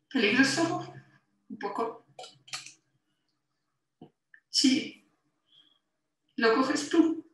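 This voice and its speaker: A harassed woman with a Spain Spanish accent argues with her ex over the intercom, her high voice tense and pleading. The clip plays back from a distance and echoes heavily through a large hall.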